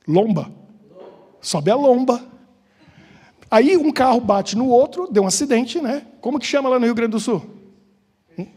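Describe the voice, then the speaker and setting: A Brazilian man preaching with a Brazilian Portuguese accent, chatty and joking as he asks the congregation questions. His voice sits high and comes out a little husky. The long reverb of a church hall hangs behind every word. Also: expressive, a little slow, pauses often, a little mellow. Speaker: pastor. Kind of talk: informal sermon with banter.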